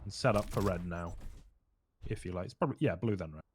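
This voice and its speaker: A man's voice: low-pitched, a little fast, a little hiss or hum. A man casting a live esports match, joking and swearing in loose banter with his co-caster. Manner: jokey, swearing, lively banter. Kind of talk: live game commentary.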